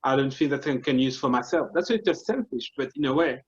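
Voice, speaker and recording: Brisk and medium-pitched, this man's voice comes through with the highs cut off. He has a Congolese French accent and is a guest marketing consultant, casually explaining his ideas in an interview, earnest and methodical, often backing up to restart a sentence.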